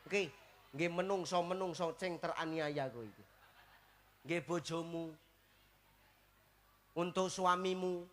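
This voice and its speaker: A man's voice: sits high, slow, long pauses, a bit bright. A man preaching a comic sermon, joking and acting out little scenes. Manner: joking, switches between Javanese and Indonesian, acts out scenes.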